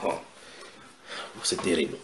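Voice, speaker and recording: A man preaching a sermon, breaking into loud dramatic voices for the people in the story. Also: slow, echoey room, slight background noise. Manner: dramatic, acts out biblical voices with sudden loud shouts.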